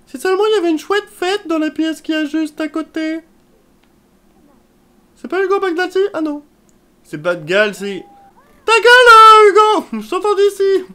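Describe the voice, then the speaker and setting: A woman voicing a bored, crude young receptionist at a club, in a high sing-song voice that swears offhandedly. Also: expressive, normal speed, pauses often, pushed and bright, full character voice. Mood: bored, grumpy.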